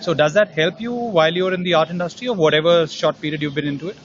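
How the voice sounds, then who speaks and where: A man's voice: fairly high pitch, fast talker, muffled recording, slight background noise. A man interviewing an artist, asking probing questions and rephrasing them as he goes. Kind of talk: conversational interview.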